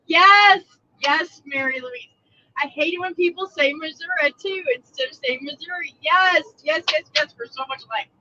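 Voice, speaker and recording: A woman, co-hosting a live stream from a truck and chatting through viewer comments in an animated, laughing way. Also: high-pitched, moderate pace, highs cut off. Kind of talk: casual live-stream chat reading comments. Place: inside a truck cab on the road.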